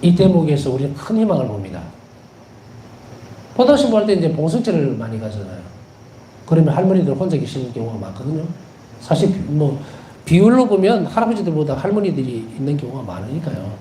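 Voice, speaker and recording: Animated Korean priest, roomy echo. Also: male voice, fairly high pitch, fairly quick, a little hiss or hum. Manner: animated, repeats key words for emphasis; tells anecdotes with gentle humor. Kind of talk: devotional lecture.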